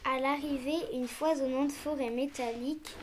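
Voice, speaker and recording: A woman narrating a scripted children's story aloud, in short halting phrases. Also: sits high, fairly even intonation. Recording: clearly noisy recording with clicks.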